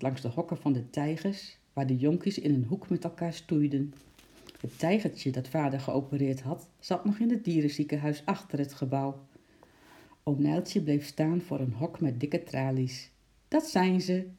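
Storybook reader with a very dark, mellow tone, steady and expressive. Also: medium pitch. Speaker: narrator. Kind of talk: reading a children's storybook aloud.

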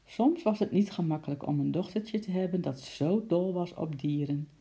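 Low-voiced woman reading a children's story. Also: moderate pace, mellow. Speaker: narrator.

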